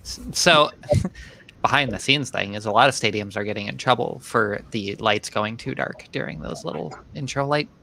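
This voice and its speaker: A man chats casually at a soccer watch party, cracking jokes between comments. His voice has a gravelly edge and a bright, forward tone. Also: on the low side, normal speed, a little hiss or hum. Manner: joking, chatty. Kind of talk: casual chat.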